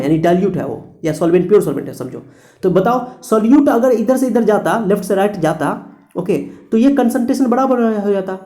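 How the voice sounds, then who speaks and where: A man's voice: sits high, warm tone. A male chemistry teacher giving a classroom lecture, posing questions and answering them himself, often correcting his own slips.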